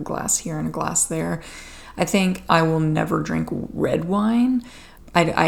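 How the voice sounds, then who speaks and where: A young Canadian woman hosts a casual solo podcast. Her voice is a little low for a woman, with plenty of vocal fry, and she takes her time. She rambles informally and pokes fun at herself. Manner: rambling, informal, self-deprecating. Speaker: podcast host. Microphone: podcast microphone with pop filter.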